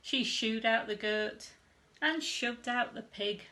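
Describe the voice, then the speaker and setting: A woman reading a rhyming bedtime story to children with expressive, deliberate phrasing. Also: fairly high pitch. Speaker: primary school staff reading a bedtime story.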